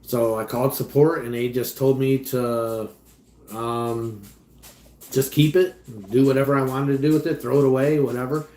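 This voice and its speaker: A man hosting a casual livestream, rambling as he reads chat comments and trails off quietly at the ends of his thoughts. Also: mid-range voice, flat delivery, normal speed. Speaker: livestream host and delivery driver. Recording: echoey room.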